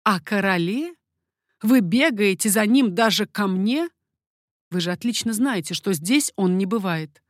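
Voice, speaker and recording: A woman's voice: medium pitch, normal speed, no room sound, clean studio sound, natural voice. A woman voicing a proud young queen in an audiobook, speaking firmly and imperiously. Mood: commanding.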